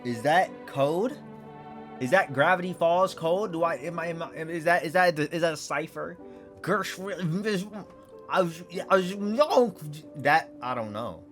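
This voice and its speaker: A man hosting a gaming video, thinking out loud in casual, slangy let's play commentary. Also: on the high side, expressive, a little slow, soft background music.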